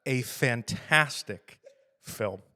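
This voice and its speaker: A man hosting a podcast, chatting casually about a film in a rambling, profane, animated way and laughing often. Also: mid-range voice, very slow, heavy background noise. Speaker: podcast host.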